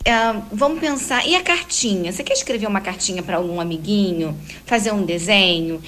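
A woman explaining how to calm and comfort young children, acting out the gentle words a parent would say. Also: medium pitch, fairly quick, a little hiss or hum, low-quality recording. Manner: warm explanatory, acts out gentle talks with a child. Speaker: parenting guest expert. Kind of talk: conversational advice talk.

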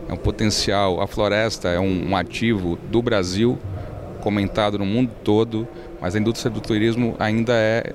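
A Brazilian man, an event producer, speaking as a guest in a panel discussion, measured and explanatory. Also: low voice, noisy background.

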